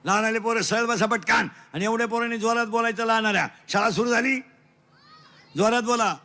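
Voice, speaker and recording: A man with a Marathi accent giving a comic devotional sermon, loud and teasing, quizzing his listeners in call-and-response and mixing in broken English lines. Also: extremely high pitch, a little fast. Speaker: kirtan preacher.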